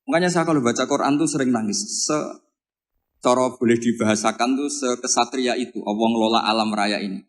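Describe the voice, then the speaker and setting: Man, Javanese accent, preacher, relaxed humorous sermon, teasing, mid pitch. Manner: jokey, teasing the audience, mixing in Arabic quotes. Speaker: Islamic preacher. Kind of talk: relaxed religious lecture with humor. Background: audience laughter.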